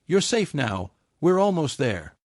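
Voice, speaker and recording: A man voicing a tired, gentle rescuer. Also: a little high, big pitch swings, a little slow, no echo, studio quality, pitched above the performer's own voice. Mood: soft, encouraging. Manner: soft, encouraging murmur. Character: weary grown man rescuing a horse, gentle and stubborn.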